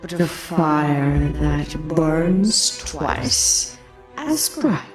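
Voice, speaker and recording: A woman voicing an ancient divine being that grants power, speaking in a booming voice with heavy echo, solemn and grave. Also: big pitch swings, drawn-out words, full character voice. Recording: echoey, with music behind.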